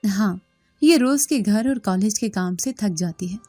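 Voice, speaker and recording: A woman's voice: mid-range voice, expressive, unhurried, warm tone. A woman voicing a busy middle-aged mother speaking matter-of-factly, in a storybook reading with faint music behind. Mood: plain.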